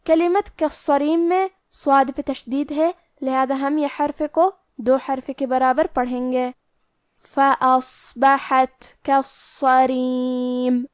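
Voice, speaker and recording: A woman teaching the rules of Quran recitation, explaining each pronunciation point slowly and carefully, step by step. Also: high-pitched, a little mellow, dry recording, clean studio sound. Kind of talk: tajweed lesson.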